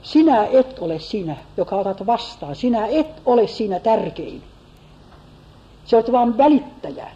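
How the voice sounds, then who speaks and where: A woman preaching a sermon in an earnest manner, swinging between forceful and hushed emphasis. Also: fairly high pitch, expressive. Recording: slightly dull lo-fi recording.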